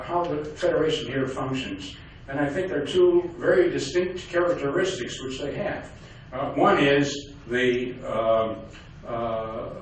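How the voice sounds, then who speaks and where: An older man giving a speech to a community audience, halting with many fillers and restarts. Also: mid-range voice, slight background noise. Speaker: guest speaker. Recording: echoey hall from far off.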